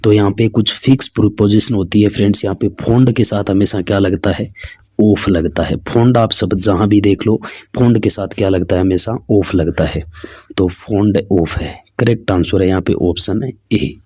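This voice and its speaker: A man's voice: fairly low pitch, normal speed, a little mellow, slightly rough, no echo, clean studio sound. A man teaching an exam-prep English lesson, who asks questions and answers them himself. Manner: calls listeners "friends", asks and answers his own questions.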